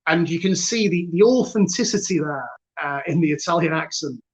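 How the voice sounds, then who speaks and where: A man's voice: a little high, lively intonation, brisk, poor audio. A man with a Northern English accent hosting a casual online quiz, chatty and self-mocking, with lots of fillers. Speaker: quiz host.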